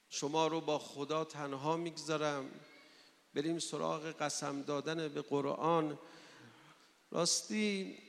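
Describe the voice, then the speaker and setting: Man, preacher, sermon storytelling, emotional pleading, raspy fry, reverberant hall. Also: fairly high pitch. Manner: emotional, builds to impassioned pleading.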